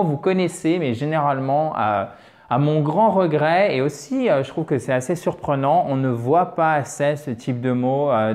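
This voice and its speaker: A middle-aged man teaching English vocabulary in French in a whiteboard video lesson. His pitch sits a little high and he talks with energy, repeating each English phrase slowly and clearly. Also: a little mellow.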